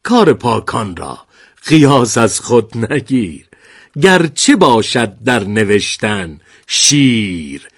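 A stern old-time ruler reciting verse. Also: male voice, medium pitch, very animated, slightly rough. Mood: amused, measured. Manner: slow measured verse recitation. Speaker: radio drama voice actor. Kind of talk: radio play recitation.

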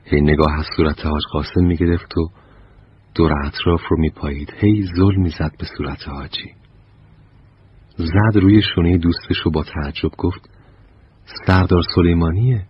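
A man with an extremely low, deep voice tells short stories in a measured, unhurried way. His phrases often drop away softly at the end. The recording sounds a little dull and muffled, with faint noise behind him. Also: fairly even intonation. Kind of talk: scripted narration of short anecdotes.

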